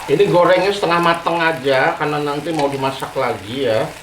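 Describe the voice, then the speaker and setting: A man's voice: fairly high pitch, a little fast, a bit bright, roomy sound, slight background noise. Chatty man hosting a cooking lesson. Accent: Indonesian, with Sundanese terms. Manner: chatty, friendly, ends phrases with "ya". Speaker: cooking channel host. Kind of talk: home cooking tutorial. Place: home kitchen. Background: frying and sizzling.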